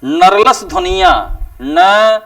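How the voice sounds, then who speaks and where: A male teacher giving a classroom lecture, speaking slowly and deliberately and drawing out example sounds with emphatic rises. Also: sits high, animated, pushed and bright, far from the mic. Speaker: Hindi teacher.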